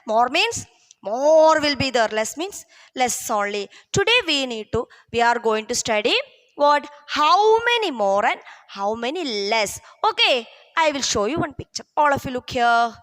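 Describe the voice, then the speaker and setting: Woman, Indian accent, children's teacher, slow broad singsong, bright forceful tone, repeated questions, reverberant hall sound. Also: high voice, big pitch swings. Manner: question-and-answer prompting with repetition. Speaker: primary school maths teacher. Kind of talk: lesson for young children.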